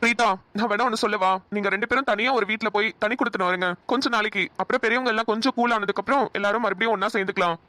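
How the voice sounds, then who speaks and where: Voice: medium pitch, steady tone, very fast, hardly any pauses, bright, forceful tone, no echo, natural voice. A voice actor playing Tamil, a helpful young man in a cartoon, who talks bluntly and teases. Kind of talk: cartoon voice acting.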